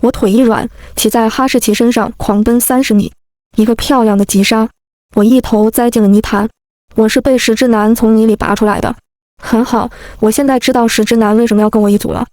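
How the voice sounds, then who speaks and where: Woman narrating a funny story first person, wry n lively, highish voice, no room echo. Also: a little fast.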